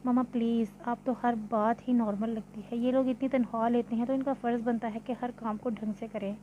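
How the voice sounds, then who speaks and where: A woman's voice: on the high side, steady tone, a little fast, mellow, dull audio, a little hiss or hum, natural voice. A woman voicing a spoiled, hot-tempered rich young woman in a read-aloud novel, with demanding, scolding lines. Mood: angry.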